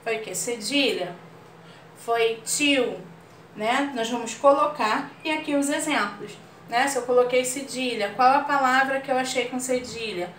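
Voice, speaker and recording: Brazilian woman teacher, slow and patient. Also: fairly high pitch, a bit bright. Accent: Brazilian Portuguese. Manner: patient, explains slowly and checks understanding with "ok?". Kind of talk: online class lesson. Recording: roomy far-off mic with faint room noise.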